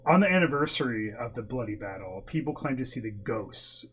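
A man's voice: mid-range voice, animated, brisk, fairly bright tone. A man co-hosting a podcast in casual chat about ghost stories, with a jokey, teasing manner. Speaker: podcast co-host. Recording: clear background noise with hum.

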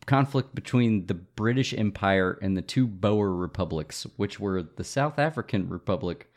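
A man's voice: fairly low pitch, animated, moderate pace, a little mellow. A man co-hosting a podcast, telling a history story in casual chat, often laughing and spelling out names.

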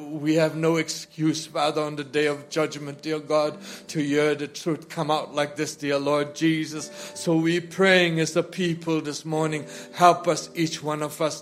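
Leading a congregation in fervent, extemporaneous church prayer, a man with a voice on the high side pleads in short, repetitive phrases broken by addresses to God. His delivery swells from hushed tones to loud, impassioned outbursts and then subsides.

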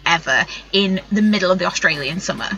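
A woman's voice: on the low side, animated, quick pace, sharp tone, dull audio. A woman co-hosting a podcast, chatty and amused as she sums up stories. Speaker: podcast co-host. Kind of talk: casual chat, summarizing stories.

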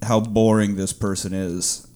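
A man's voice: lowish voice, flat delivery, unhurried, mellow, a little hiss or hum. A man from Kansas co-hosting a casual movie chat, profane and joking. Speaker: podcast co-host.

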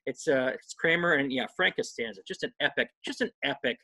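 A chatty man in his forties co-hosting a relaxed talk show. His voice sits at an ordinary pitch and sounds close and dry, with no room around it. He rambles loosely from one thought to the next. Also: gravelly, dry recording, rough recording. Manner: rambling, chatty, quick laughs. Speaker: co-host. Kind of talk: casual chat.

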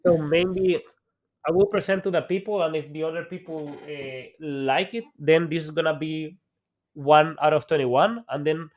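A man's voice: on the high side, steady tone, dull audio. Hesitant man from El Salvador. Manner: halting, many fillers and restarts. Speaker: entrepreneur guest. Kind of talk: podcast interview.

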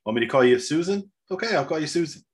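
A man's voice: a little high, animated, quick pace. A man in a casual podcast conversation, rambling through his views with swearing and acted-out bits of imagined dialogue. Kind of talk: casual opinionated chat.

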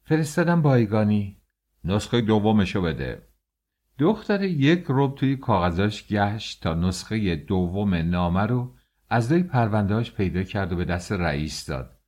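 A man narrating a story in an animated, acted-out way, as an audiobook reader. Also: on the low side. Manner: animated, acting out the scenes.

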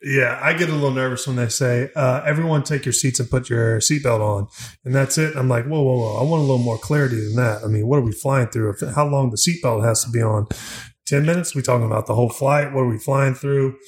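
A man of medium pitch tells easygoing, rambling stories in casual podcast chat. He talks loosely, with plenty of fillers and asides. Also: fast talker.

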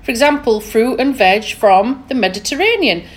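A woman's voice: on the high side, lively intonation, normal speed. A woman with a thick Yorkshire accent, chatting casually and rambling with lots of fillers. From England. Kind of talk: casual chat.

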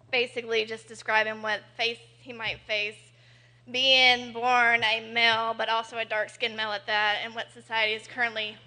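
A woman on a poetry cafe stage, talking nervously between halting pauses and performing spoken-word poetry. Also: a little high, bright, forceful tone. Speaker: performing poet.

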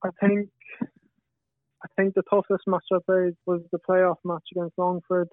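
A man's voice: sits high, little pitch movement, moderate pace, no room sound. A young man with a west of Ireland accent giving hesitant, understated answers as a footballer in a casual interview. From Galway, west of Ireland. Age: young adult. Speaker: footballer, podcast guest. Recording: tinny band-limited radio-like line.

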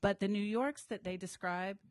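A woman's voice: medium pitch, fairly even intonation, moderate pace, no room sound, studio quality. A woman co-hosting a bookshop podcast in casual, conversational talk. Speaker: co-host, bookseller.

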